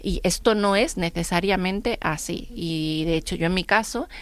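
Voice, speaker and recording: A middle-aged woman, a radio guest telling lively anecdotes and acting out the dialogue. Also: on the low side, moderate pace. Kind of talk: radio interview storytelling.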